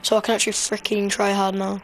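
A woman with a Yorkshire accent commentating her gameplay live, excitable and bursting into shrill outcries between muttered asides. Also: fast talker, slight background noise. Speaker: gaming commentator.

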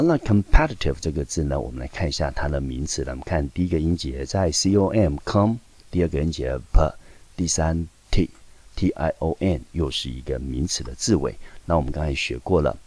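Man, Taiwanese Mandarin accent, English teacher, very deep husky voice, dry close recording. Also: a little mellow, no echo. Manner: explains step by step, often asks and answers his own questions. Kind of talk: recorded classroom lesson. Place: high school teaching video.

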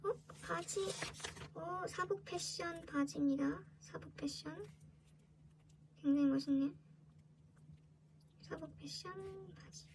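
A woman with a high voice talks through an unboxing in casual vlog style. Her manner is girlish and gushing, like an excitable fan reacting to collectibles. There is clear background noise in the recording. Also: slow, pauses often. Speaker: vlogger opening collectible merchandise.

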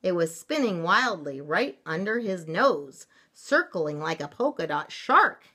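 A woman reads a children's picture book aloud, taking her time and stretching words for effect. Her voice is bright and sits a little low, yet it swings widely in pitch. She sounds relaxed and deliberate throughout. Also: breathy edge. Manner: expressive and unhurried, drawn-out words. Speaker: storyteller.

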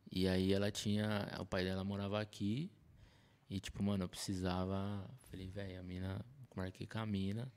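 A man, telling his story as a podcast guest in a relaxed, slangy way, recorded on a desk mic in a small studio. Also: sits low, moderate pace, clear, resonant tone. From Campinas, Brazil. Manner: relaxed slangy storytelling, many fillers and self-corrections. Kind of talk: casual storytelling interview. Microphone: desk mic on stand.

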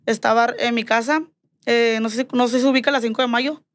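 High-voiced woman telling a story. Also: brisk. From Mexico. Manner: animated, acts out quoted dialogue, repeats "me dijo". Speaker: podcast guest. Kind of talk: casual storytelling chat.

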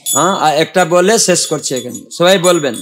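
Monk preacher, male, high pitch; long drawn-out chants, direct pleading to the audience. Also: expressive, a little hiss or hum. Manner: urges and invites listeners directly. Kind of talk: devotional sermon with chanting.

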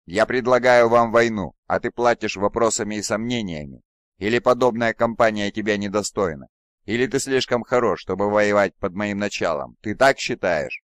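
A man's voice: lowish voice, lively intonation, normal speed, dry recording. A furious, arrogant demigod warlord, voiced by a man reading an audiobook, bellowing in a raised, strained voice. He spits contempt at those beneath him and demands obedience. The read is dry and close. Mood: contemptuous. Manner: imperious, raging, contemptuous shouting. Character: arrogant wrathful demigod warlord, male, towering.

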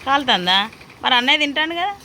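A woman's voice: sits high, very animated, fast talker, noisy background. A woman in her thirties with a Telangana Telugu accent, chatting with her children at home and narrating her cooking for a family vlog. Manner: coaxing, questioning children, then quiet cooking narration. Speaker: mother and vlog host. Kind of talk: casual family vlog chat. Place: home kitchen.

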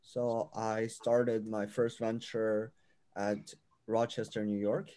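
A man's voice: fairly low pitch, little pitch movement, takes it slowly, mellow. A man from China introducing himself as an entrepreneur on an online panel, plain and straightforward.

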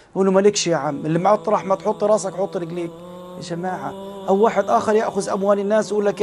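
A man with an Egyptian Arabic accent delivering an impassioned sermon, swinging between loud and soft. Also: fairly high pitch. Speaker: preacher.

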